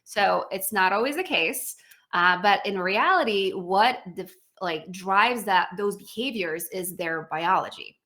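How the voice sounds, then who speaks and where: This thirtysomething guest from Poland works as a pediatric speech-language pathologist focused on feeding, and she chats through relaxed interview answers. Her bright, forceful mid-range voice moves unhurriedly with lively intonation, full of fillers, restarts and easy laughter.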